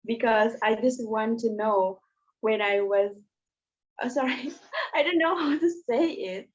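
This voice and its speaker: A woman learning English who asks questions in careful, halting English on a video call. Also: a little high. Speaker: student in an English conversation class. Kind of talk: casual video-call chat. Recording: muffled video-call audio.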